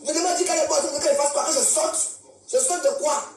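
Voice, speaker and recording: A woman's voice: high-pitched, fairly quick, a little mellow, far from the mic. A woman from Cameroon, ranting defiantly on a live stream and repeating her points. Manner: defiant, confrontational, repeats herself. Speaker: social media live streamer. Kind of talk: angry live-stream rant. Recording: echoey room, voice from off the mic, faint music.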